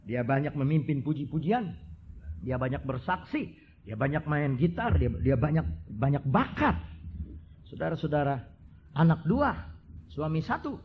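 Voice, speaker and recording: A middle-aged man preaching a sermon, moving from hushed storytelling to fervent, repetitive emphasis. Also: on the high side, sing-song, normal speed, highs cut off, slight background noise.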